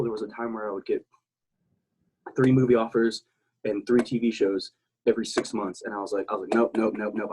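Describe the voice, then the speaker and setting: This South Texas veteran, guesting on a podcast, rambles openly and curses without restraint in a relaxed way. His voice sits at medium pitch, husky and a bit mellow, captured on a rough recording.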